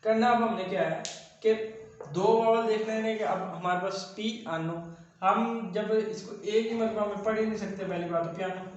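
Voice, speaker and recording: A man teaching a shorthand class, slowly spelling out syllables and repeating each step. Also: sits high, darkish tone. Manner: slow, repetitive, spells out syllables. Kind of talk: classroom lesson explaining steps. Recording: very echoey, dull lo-fi sound, faint noise.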